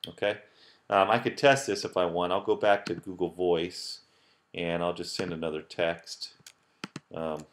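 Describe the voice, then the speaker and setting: A male professor talking through an app-building screencast in a casual way, with many fillers and restarts. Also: low voice. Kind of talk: screencast tutorial.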